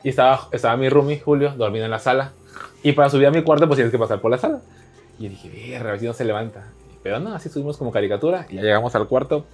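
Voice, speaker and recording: A man with a Mexican accent tells a crude story as a podcast guest, loose and casual. He plays out the back-and-forth of the dialogue himself. His voice sits at an ordinary middle pitch. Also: very fast. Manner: crude, joking, acts out dialogue.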